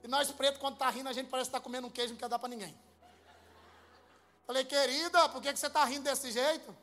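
A man preaching a humorous sermon, telling comic stories in a lively way and pressing his listeners hard. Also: very high voice, quick pace, soft background music. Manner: comic, lively storytelling that rises into loud exhortation.

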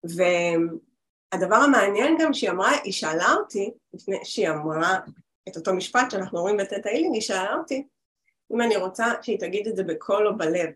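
A woman's voice: medium pitch, animated. Brief: woman in her forties, guest healer, chatty rambling talk over a video call.

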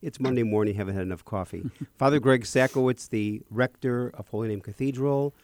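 Older male priest-host for a talk radio slot: dark, mellow tone, dry close sound, chatty and friendly. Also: mid-range voice, brisk, no echo. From Chicago area. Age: 60s. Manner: chatty, reminiscing.

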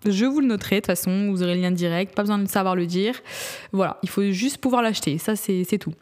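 A woman's voice: mid-range voice, fast talker, darkish tone. Giggly, chatty young woman vlogger. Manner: chatty, giggly, many fillers and restarts. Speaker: beauty vlogger. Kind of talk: casual skincare vlog.

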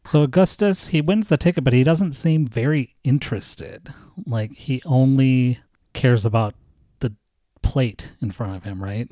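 American dad host, gently quizzing his kid, relaxed tone, dry close recording. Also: medium pitch, measured pace, no echo. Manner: patient, teacherly, asks leading questions. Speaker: podcast host and father. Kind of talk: casual chat with his child.

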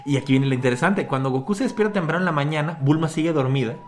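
A man's voice: on the high side, very fast, a little hiss or hum. Chatty man co-hosting a podcast. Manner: laughs often, trails off and restarts. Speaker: podcast co-host. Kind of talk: casual chat recapping an anime.

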